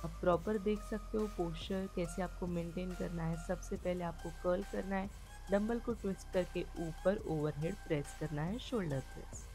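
With faint music behind her, a woman speaks at normal speed in a fairly low, dark-toned voice. As a fitness vlogger doing an instructional voice-over, she explains exercises and reminds viewers about posture and rest.

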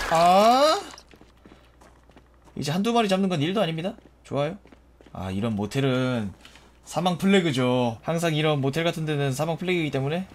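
Animated man commenting on gameplay. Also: a little high, a little hiss or hum. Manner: animated, jokey, swears and yelps at enemies. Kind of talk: casual let's-play commentary.

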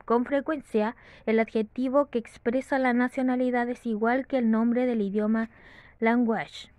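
Slow, deliberate woman teaching English. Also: a little high, fairly even intonation, darkish tone, no echo, poor audio. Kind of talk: reading out a Spanish-language English lesson.

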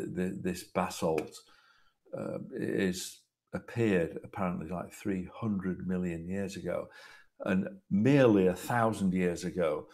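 Man, very low voice, reflective talker who rambles with restarts, on a video call. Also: darkish tone. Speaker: host, artist. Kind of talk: casual discussion on a video call.

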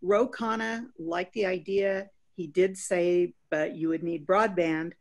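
An older woman farmer on a video call from home, answering in an earnest, unhurried way with some restarts. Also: on the low side, fairly even intonation, highs cut off. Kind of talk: webinar panel answer. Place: home room by a bright window. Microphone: laptop webcam on a video call.

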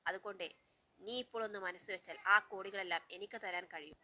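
A woman's voice: mid-range voice, fairly even intonation, quick pace, bright, forceful tone, slight background noise. A woman voicing a greedy male kidnapper who mockingly demands a fortune. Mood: menacing.

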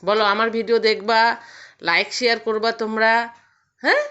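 A woman's voice: fairly high pitch, steady tone, moderate pace, bright, forceful tone, dull audio. A woman filming her dog at home, switching between playful mock scolding and cooing baby talk.

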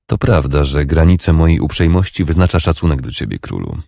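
A man voicing a calm, polite young jarl who answers in measured replies. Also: a bass voice, vocal fry, no echo, clean studio sound, exaggerated voice.

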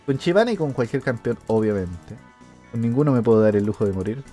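Guy streaming his game, chatty, yells and makes pum pum noises, mid voice, bit of music behind. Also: medium pitch, brisk. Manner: animated, with sudden excited shouts and sound effects. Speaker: gaming streamer. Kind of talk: casual gameplay commentary.

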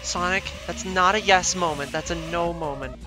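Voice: mid-range voice, moderate pace. A streamer giving exasperated gameplay commentary, cursing often and scolding the game character. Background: game music.

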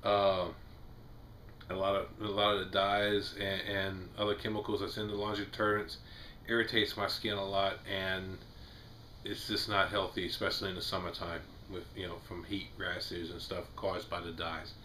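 A man's voice: low-pitched, level tone, normal speed, bright, forceful tone, a little hiss or hum. A man in his forties with a Southern US accent, talking casually in a how-to video and rambling a little with restarts. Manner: plain-spoken, rambling with restarts and fillers. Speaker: homestead vlogger. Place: small wood-paneled room indoors.

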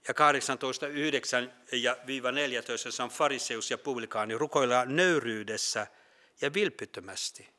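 Earnest male preacher with a bright voice. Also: medium pitch. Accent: Finland Swedish. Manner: earnest, rises to emphatic peaks and drops to hushed quiet; halting restarts with Finnish filler sounds. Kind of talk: sermon.

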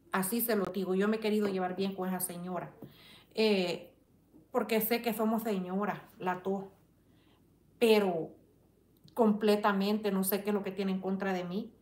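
A woman with a steady, slightly mellow, medium-pitched voice speaks at a normal pace, her sound reverberant. Hosting a relaxed live stream, she answers viewers' comments with indignation, defends herself, calls out a rival directly, and uses religious phrasing as she prays for her audience.

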